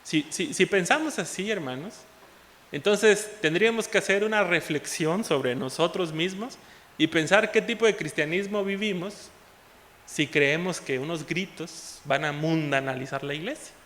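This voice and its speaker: A man with a Mexican Spanish accent preaching an impassioned sermon as a pastor, moving between loud exhortation and soft asides. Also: on the high side, moderate pace, a little hiss or hum. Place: church hall. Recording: echoey church hall.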